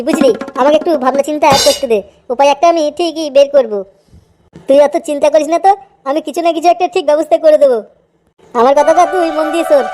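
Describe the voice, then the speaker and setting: A bossy, foul-mouthed older man in a cartoon, voiced by a woman, keeps talking down his worried young friend. He pushes on in a high, quick voice and tags nearly every order with "all right?". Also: natural voice. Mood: reassuring. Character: bossy older man, the hero's father's friend, crude and reassuring. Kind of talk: cartoon voice acting.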